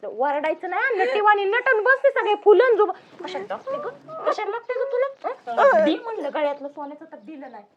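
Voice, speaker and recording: A woman's voice: big pitch swings, fairly quick, lo-fi sound, crowd noise. An actress playing a cruel, greedy young daughter-in-law who nags and insults her mother-in-law. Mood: scolding. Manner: shrill, nagging, insulting. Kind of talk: village family drama acting.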